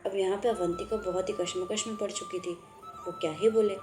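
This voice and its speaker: A woman's voice: mid-range voice, steady tone, brisk. Woman, casual storytelling, Hindi with English words, stammered restarts, roomy sound. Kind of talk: casual story narration with acted dialogue. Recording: echoey room with soft music behind.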